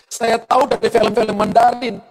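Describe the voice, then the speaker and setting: A middle-aged male pastor preaching a sermon in church, telling a story with lively testimony and speaking straight to the congregation. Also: extremely high pitch, normal speed, rough recording. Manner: animated storytelling testimony, addressing the congregation directly.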